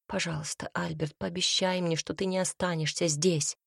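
A woman's voice: fairly low pitch, steady tone, moderate pace, gravelly, breathy edge, dry recording, clean studio sound. A woman reading the part of a self-sacrificing young woman in a storybook, speaking in an earnest, pleading way.

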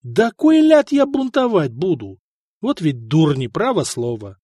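A man's voice: on the high side, wildly swooping pitch, measured pace, mellow, no room sound, clean studio sound, heavily acted. Man doing a nonchalant mocking half-breed lord. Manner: offhand, mocking. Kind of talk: audiobook character voice.

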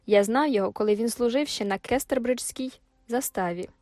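A woman reading an audiobook, voicing a jovial male farmhand with excited exclamations. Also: a little high, fairly quick, no echo, clean studio sound, lightly acted. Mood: confident.

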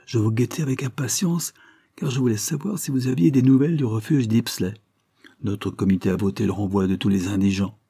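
A man's voice: on the low side, fairly quick, gravelly, dark tone, slightly rough. A man reading aloud, voicing a blunt, blustering aging judge in a storybook. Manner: blunt, exclaiming.

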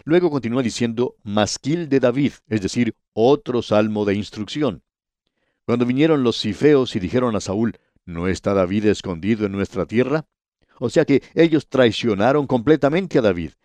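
A man giving a scripted radio Bible study, addressing the listener and reading scripture in a measured, deliberate way with slow emphasis. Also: medium pitch, lively intonation, a little mellow, dry recording.

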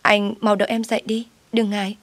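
A woman's voice: medium pitch, level tone, normal speed, dry recording, voice pushed up, close to an everyday voice. A woman voicing a scheming young woman who talks in a sugary, pleading way in a told story. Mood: coaxing, wheedling.

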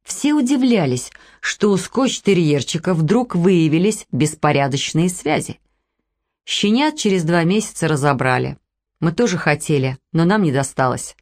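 Woman narrator, low voice, playful expressive audiobook reading. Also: moderate pace.

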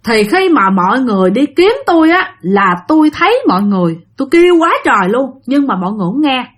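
A woman's voice: a little high, big pitch swings, quick pace. A woman with a Southern Vietnamese accent, narrating listener-sent ghost stories in a chatty style that addresses her audience directly. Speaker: storyteller host. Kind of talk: casual spoken ghost-story narration.

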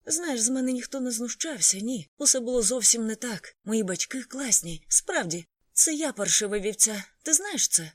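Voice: mid-range voice, lively intonation, moderate pace, few pauses, no room sound, pitched above the performer's own voice, close to an everyday voice. A reader putting on a restless young woman's voice. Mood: self-reproaching. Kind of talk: audiobook character voice.

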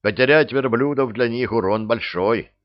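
A man's voice: medium pitch, normal speed, lo-fi sound, natural voice. A man reading an eager young Cossack who calls out his idea. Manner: eager, shouted.

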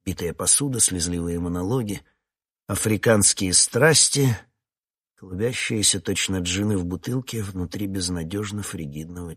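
A man's voice: sits low, a bit bright. A man narrating a first-person story in a weary, wry audiobook reading.

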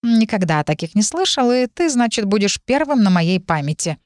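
A woman's voice: mid-range voice, big pitch swings, moderate pace, a little mellow, no echo, studio quality, lightly acted. A woman voicing a sly, sarcastic male cat familiar who talks in a purring, mocking way.

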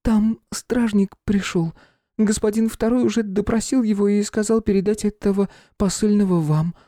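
A timid young maid stammers out her message with a shaking voice, as a man voices her high in an audiobook. The sound is dry and close. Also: steady tone, moderate pace, mellow, dry recording, natural voice. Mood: frightened. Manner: trembling, near tears. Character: frightened trembling young maidservant girl.

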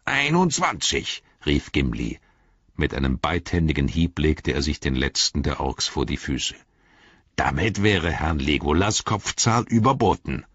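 A man's voice: a bass voice, measured pace, fairly bright tone, husky, no room sound, dull audio, exaggerated voice. A man voicing a fierce, boastful male dwarf warrior who bellows war cries, in an audiobook reading.

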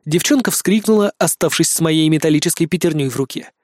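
A man narrating a first-person novel in an expressive, wry reading. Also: on the high side, quick pace, dry recording, clean studio sound. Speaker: audiobook narrator.

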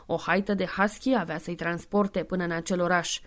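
A woman reading a novel aloud as an audiobook in a measured, clear way, including spoken footnotes. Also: fairly low pitch, steady tone. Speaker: audiobook reader. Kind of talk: scripted narration.

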